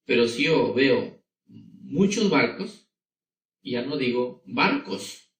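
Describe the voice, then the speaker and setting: A male teacher giving a slow, patient lesson to children, often checking that they follow. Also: mid-range voice, gravelly, echoey room, distant mic. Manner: slow and patient, asking many rhetorical questions. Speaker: schoolteacher. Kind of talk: recorded classroom lesson for children.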